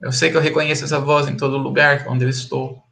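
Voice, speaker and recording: A man's voice: medium pitch, little pitch movement, fast talker, vocal fry, pushed and bright. A man, a pastor, preaching in a live-streamed Bible study, emphatic and repetitive, chuckling between points.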